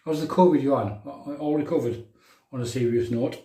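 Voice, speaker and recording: A man's voice: mid-range voice, normal speed, mellow. A middle-aged man with a County Durham accent chatting casually to live viewers in a matey, bantering way while demonstrating in a bathroom. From County Durham, England. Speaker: livestream host of a shaving show. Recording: roomy bathroom echo, distant microphone.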